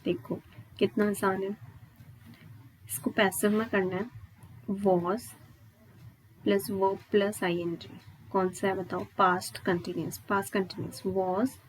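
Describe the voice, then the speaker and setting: This exam-prep grammar lesson comes from a woman with an Indian accent whose medium-pitched voice stays level as she speaks a little slowly, pausing often. She explains step by step and checks understanding with frequent questions and tags. The recording is low quality with slight background noise.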